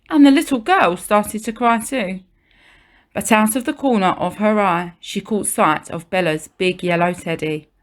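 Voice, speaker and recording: For an audience of young listeners, a woman with a mid-range voice reads a children's storybook aloud in the manner of a primary teacher, expressive and full of deliberate pauses and emphasis.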